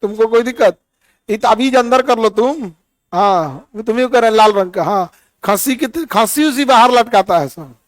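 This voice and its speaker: A middle-aged man teaches a classroom physics lesson in a very high voice. He quizzes his students one by one and teases them. The sound is dry and close, with almost no room echo. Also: normal speed. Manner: teasing, quizzes students by name.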